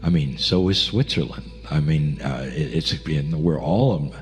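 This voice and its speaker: A man's voice: a bass voice, measured pace, soft background music. A man answering questions in a reflective, conversational, storytelling way. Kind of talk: casual chat.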